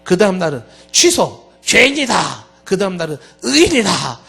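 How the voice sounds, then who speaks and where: A male pastor preaching a Wednesday sermon, animated and joking, acting out little scenes. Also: high-pitched, normal speed, vocal fry, husky. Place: church sanctuary.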